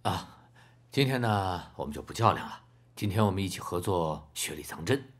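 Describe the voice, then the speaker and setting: A man's voice: low-pitched, expressive, moderate pace. An actor playing an earnest, placating middle-aged father and cook in a TV drama, coaxing and insistent. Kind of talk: Chinese TV drama acting.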